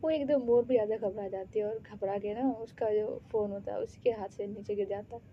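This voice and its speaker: A woman's voice: mid-range voice, steady tone, a little fast, highs cut off, a little hiss or hum. A woman narrating a romance story in a casual, chatty way. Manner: chatty, conversational.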